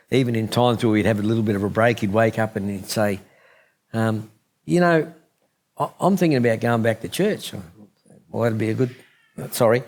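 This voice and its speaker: A man's voice: fairly low pitch, creaky, a little mellow. A middle-aged man, telling a personal story at church and acting out the dialogue, with many fillers. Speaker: guest speaker.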